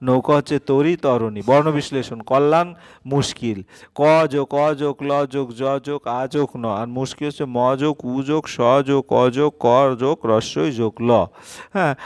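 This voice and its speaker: A male teacher walks students through model exam answers in a mid-pitched voice. He moves briskly between questions but slows right down to read each English answer word by word. It is a plain, explaining tutorial delivery. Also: dry recording. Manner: reads English answers slowly and syllable by syllable, quicker in Bengali.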